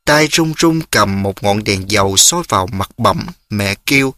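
Man, story narrator, expressive, bright tone, dry sound. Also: measured pace, dry recording. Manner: expressive, rising pitch on emotional phrases.

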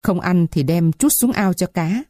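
A woman voicing a fiery peasant wife who scolds and wails loudly at her household. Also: on the low side, animated, measured pace, no room sound, studio quality. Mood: scolding. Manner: scolding, wailing at full voice. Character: fiery peasant wife, shrill when angry.

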